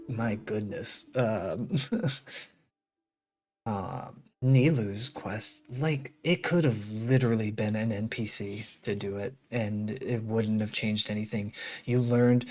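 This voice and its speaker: A medium-pitched streamer offers offhand live commentary over game music. He wanders from thought to thought, voicing opinions with a sarcastic edge.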